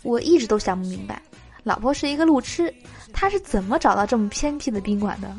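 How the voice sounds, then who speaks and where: A woman's voice: fairly high pitch, big pitch swings, fast talker, creaky, soft background music. Chatty woman host reading jokes. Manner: chatty, laughing between jokes. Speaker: podcast host.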